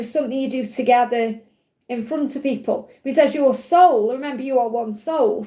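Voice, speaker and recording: A woman's voice: a little high, mellow. A woman with a Stoke-on-Trent accent, giving a casual, reassuring live card reading to viewers. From Stoke-on-Trent, England. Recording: roomy, echoey sound.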